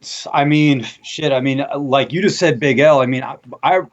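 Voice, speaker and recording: A man in his thirties, a guest in a casual chat, talking in a measured way with a lot of fillers. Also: medium pitch, dull audio. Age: 30s. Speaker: guest rapper.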